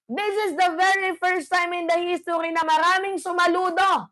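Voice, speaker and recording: A woman's voice: very high voice, level tone, normal speed, fairly bright tone. A woman giving heated political commentary, emphatic and scolding, mixing English phrases into her talk.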